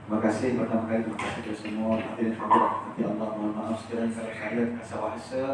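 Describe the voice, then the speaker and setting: A man's voice: medium pitch, noisy background. A man preaching in a mosque, telling playful stories and then leading a fervent, chanted prayer. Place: large mosque prayer hall. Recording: echoey mosque hall from far off.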